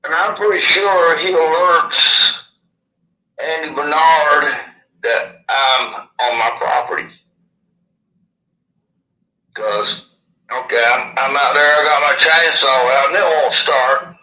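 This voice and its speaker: A man's voice: fairly high pitch, steady tone, slow, pauses often, pushed and bright, reverberant, low-quality recording. A man with a lisp and slushy s sounds from missing upper teeth, telling a first-hand story in a casual, folksy, rambling way. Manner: folksy, plain-spoken, rambling. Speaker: interviewee.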